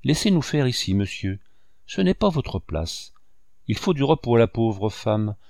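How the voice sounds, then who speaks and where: A man's voice: mid-range voice, very animated, measured pace, creaky, a little mellow, dry recording, studio quality. Man doing a protective motherly servant woman. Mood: firm. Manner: firm, protective, slightly scolding. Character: devoted middle-aged female servant, motherly and outspoken.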